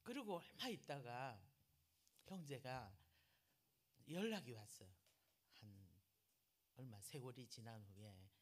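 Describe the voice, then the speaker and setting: A middle-aged woman pastor with a Gyeongsang accent, telling a story in a sermon. She is animated and swings from loud remarks to near-whispered asides. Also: rumbling low, slow pace, pauses often. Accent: Gyeongsang Korean.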